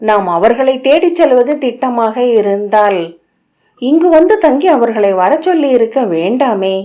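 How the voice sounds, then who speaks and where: A woman's voice: a little high, expressive, measured pace, mellow. A woman reading the lines of a shrewd female confidante in an audiobook, asking probing questions.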